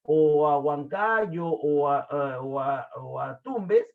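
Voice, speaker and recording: Limeño teacher on a tinny line. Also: male voice, on the high side, expressive, slow pace, creaky. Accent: Lima Peruvian Spanish. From Peru. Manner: chatty, asks the class questions, many fillers. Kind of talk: online class lecture. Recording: tinny phone-like audio.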